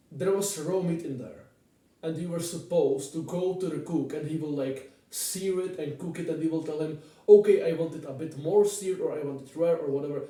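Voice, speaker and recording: Speaking to camera, a male Czech vlogger rambles through casual stories, circling back and repeating himself with a Czech accent. The voice is mellow and leans high. Heavy room echo and a distant microphone shape the sound.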